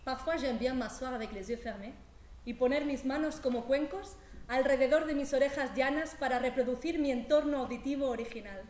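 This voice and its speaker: High-voiced woman in a roomy theatre. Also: brisk, darkish tone, a little hiss or hum. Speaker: stage performer. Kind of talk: theatrical monologue. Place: theatre stage.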